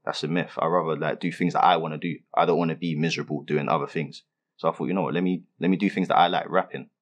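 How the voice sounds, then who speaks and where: Very deep-voiced young London man. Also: steady tone, quick pace. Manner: laid-back street slang, many fillers. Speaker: rapper being interviewed. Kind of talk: casual interview answers.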